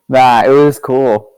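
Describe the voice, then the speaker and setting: A man at an average pitch does laid-back color commentary on a monster truck event. He talks loosely, peppers his remarks with casual fillers, and hands out judge's scores. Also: clean tone, dry recording. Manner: relaxed, easygoing, says "you know" often.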